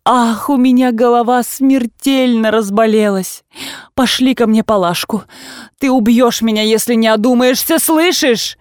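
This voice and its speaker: A woman's voice: fairly high pitch, clear, resonant tone, no room sound, clean studio sound, lightly acted. A woman doing a plaintive, self-pitying mother. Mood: complaining. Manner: plaintive, complaining, drawn-out. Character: fretful, self-pitying middle-aged mother.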